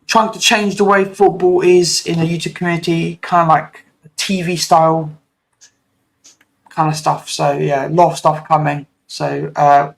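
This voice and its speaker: A man's voice: a little high, vocal fry, low-quality recording. A man guest on a football livestream, speaking in a hesitant, easygoing way with many fillers. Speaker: guest streamer. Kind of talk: casual livestream chat.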